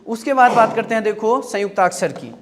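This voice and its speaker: A man's voice: high-pitched, expressive, brisk, slight background noise. A male Hindi teacher who drills his class with questions. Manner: drills with repeated questions and answers. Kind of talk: classroom grammar lesson.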